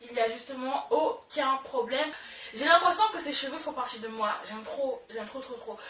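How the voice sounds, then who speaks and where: A woman's voice: sits high, normal speed, fairly bright tone. A young woman talking casually to her camera as a beauty vlogger, chatty, with lots of fillers and repeated words for emphasis. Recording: roomy echo, a bit far from mic.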